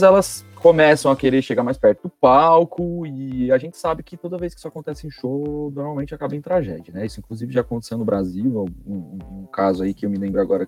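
A Brazilian man hosts a music and news podcast in a mid-pitched voice. He talks casually, with plenty of informal street slang, over background music. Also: a little mellow. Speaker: podcast host.

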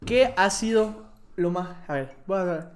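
A podcast host with a lilt jokes his way through the chat. His voice sits high for a man, and he keeps the banter quick and teasing. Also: lively intonation. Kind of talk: casual podcast chat reacting to videos.

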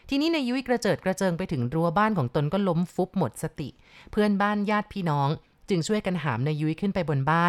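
A woman narrating a ghost story in a dramatic, polite storytelling manner. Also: medium pitch.

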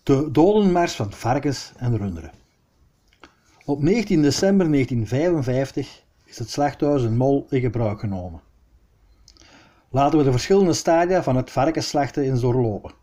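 A Flemish-accented man reading local history aloud, in a measured, dryly wry tone. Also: mid-range voice, animated, dark tone. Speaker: storyteller.

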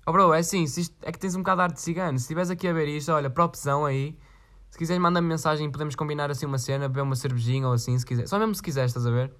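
Slangy young-sounding Portuguese vlogger. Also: male voice, fairly high pitch, rapid-fire, fairly bright tone. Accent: European Portuguese. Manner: slangy, rambling, swears often. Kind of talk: casual chat reading viewer requests.

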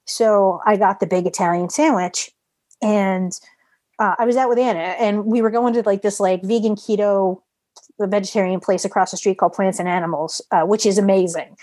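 A woman telling a rambling, animated story in casual chat, swearing freely. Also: medium pitch, fairly quick, no echo.

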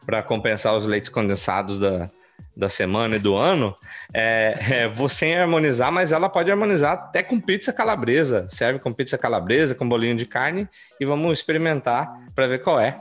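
A man from co-hosting a podcast, explaining things in a relaxed way with stumbling restarts. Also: medium pitch, normal speed, faint music behind. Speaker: podcast co-host. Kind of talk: casual chat.

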